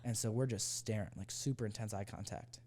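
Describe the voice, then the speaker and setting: A man's voice: on the low side, steady tone, fairly quick, a little mellow. A young man co-hosting a podcast, telling a heated, profane story in casual chat. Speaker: podcast co-host.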